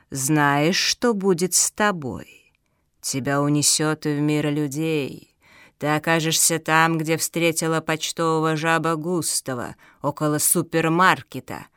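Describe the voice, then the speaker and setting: A woman voicing an evil, purring, bass-voiced spirit in an audiobook, slow and taunting. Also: fairly bright tone, smooth, no room sound, clean studio sound. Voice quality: low, purring, menacing. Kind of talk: audiobook reading.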